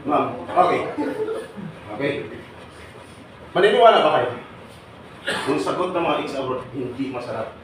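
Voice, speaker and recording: Male seminar trainer, teasing banter, slightly high voice, echoey training room, noisy background. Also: expressive, normal speed, pauses often. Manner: teasing, banters with the audience, often asks "right?". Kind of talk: live seminar talk to trainees.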